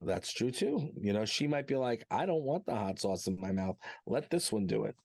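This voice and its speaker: A man's voice: on the low side, big pitch swings, normal speed, gravelly, a little mellow, no echo, studio quality. A man in his forties co-hosting a podcast, rambling casually with lots of fillers and jokes. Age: 40s. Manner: rambling, filler-heavy, jokey. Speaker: podcast co-host. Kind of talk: casual chat.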